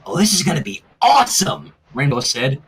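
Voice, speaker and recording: A husky, brisk man with a mid-range voice reads fanfic aloud as a stream co-host. He narrates expressively, acting out the dialogue and slipping in casual chat along the way.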